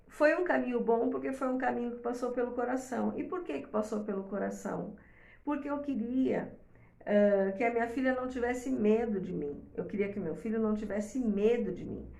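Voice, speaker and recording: A woman's voice: medium pitch, vocal fry, a little mellow. A middle-aged woman giving an informal online lecture as a parenting mentor, talking conversationally and tagging her sentences with "né?". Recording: roomy echo.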